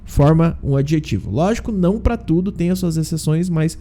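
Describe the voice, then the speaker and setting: Lively, dark-voiced man teaching. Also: a little high. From Brazil. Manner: explains slowly, drills pronunciation, asks "né?" and "tá?". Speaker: English teacher. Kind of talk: casual online lesson.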